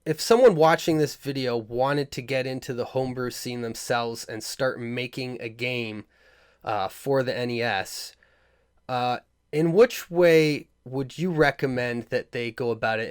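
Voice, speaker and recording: Smooth-voiced male interviewer. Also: mid-range voice. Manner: halting questions with restarts. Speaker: interviewer, podcast host. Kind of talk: casual interview.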